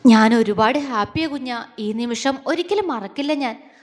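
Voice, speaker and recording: Woman doing a lovestruck young man, soft hesitant speech, fairly high voice, long reverb tail. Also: normal speed, lightly acted. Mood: tender. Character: tender lovestruck young man, apologetic sweetheart.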